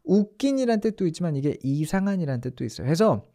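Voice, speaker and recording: Lively high-voiced man teaching English. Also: quick pace. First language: Korean. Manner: lively, explains step by step with rhetorical questions. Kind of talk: online English lesson, livestream.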